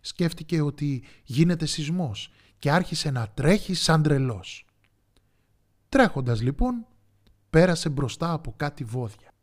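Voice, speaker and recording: A male storyteller reading a children's folk tale aloud. His voice sits a little high and rises and falls with a lot of expression. The telling is lively and sing-song.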